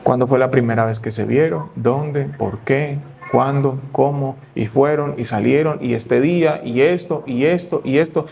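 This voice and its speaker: A man's voice: medium pitch, normal speed, creaky, hardly any pauses, darkish tone, a little hiss or hum. A male pastor giving a sermon, talking it through conversationally and asking and answering his own questions. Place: church.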